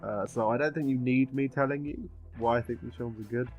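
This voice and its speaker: A man's voice: mid-range voice, fairly even intonation, brisk, dull audio, faint music behind. A man giving a casual film review in a drunken, rambling way, swearing often as he talks. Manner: frequent swearing.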